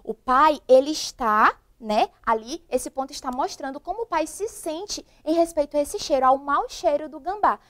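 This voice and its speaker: Lively high-voiced woman teacher. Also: normal speed, hardly any pauses. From Brazil. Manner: animated, asks children many questions. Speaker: primary school teacher. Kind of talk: televised remote classroom lesson.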